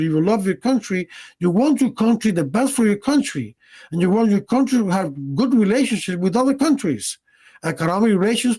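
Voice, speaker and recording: Presenting slides in his role as director of education, this man from Cuba has a high-pitched voice with a darkish tone. His manner is earnest, with heavy stress on single words, and details he reads aloud come out with stumbles, fillers and restarts.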